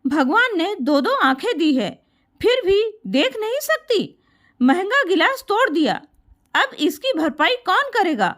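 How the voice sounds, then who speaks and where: A sharp, resentful young wife who nags and scolds in a very high voice, as a woman storyteller puts her on. Her pitch leaps about as she complains. It is a spoken story told by one reader. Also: very animated, a little slow, exaggerated voice. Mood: angry scolding.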